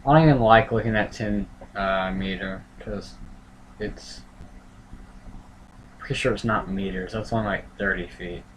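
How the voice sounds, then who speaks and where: A man hosting a casual livestream, rambling and thinking aloud in a halting, self-correcting way. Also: lowish voice, rough recording. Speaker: livestream host tracking a tropical storm. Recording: clear background noise, room ambience.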